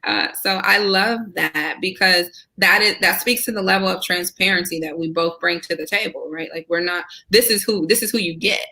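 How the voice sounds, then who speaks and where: Bright, talkative woman guest. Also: on the low side, normal speed, few pauses. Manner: enthusiastic, talkative, asks rhetorical "right?". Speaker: guest, Senate candidate. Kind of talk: casual conversational interview.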